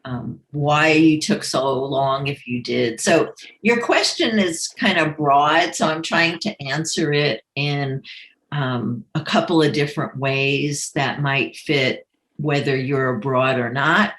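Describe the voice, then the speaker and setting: A woman with a New York accent, a career coach answering questions in a relaxed, conversational way with frequent ums. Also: low voice, slow pace, echoey room. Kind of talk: live Q&A advice session.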